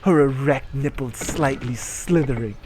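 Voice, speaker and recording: A man performs a comic dramatic reading of an erotic short story, narrating theatrically before slipping into giggles and disbelieving asides. His medium-pitched voice has a darkish tone and an unhurried pace, with a little hiss or hum on the recording.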